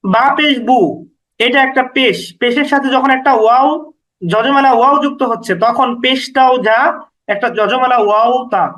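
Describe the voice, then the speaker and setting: A man with a very high, bright and forceful voice teaches recitation rules. He goes through them patiently, one after another, repeating each point and stretching out the example sounds. His stays even throughout the lesson. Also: normal speed, rough recording. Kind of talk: step-by-step lesson explanation.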